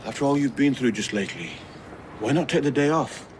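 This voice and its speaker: Actor playing supportive guy, soap scene, clear traffic noise behind. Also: mid-range voice, lively intonation, brisk, close to an everyday voice. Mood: concerned. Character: concerned, supportive male friend. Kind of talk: television soap drama. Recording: clear street and vehicle noise.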